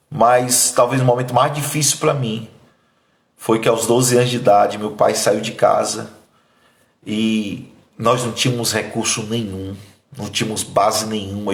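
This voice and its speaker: The voice is gravelly and the sound roomy as a thirty-something pastor from Bahia, Brazil, gives a sermon and his personal testimony. He is emphatic and pleading, dropping to a low, soft voice when moved.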